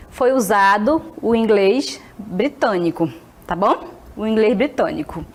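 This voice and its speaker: A woman teacher with a fairly high voice gives a televised English lesson. She talks in a friendly way, keeps checking in with her students, and slows down to model each phrase carefully. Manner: friendly, checks in constantly with short tags.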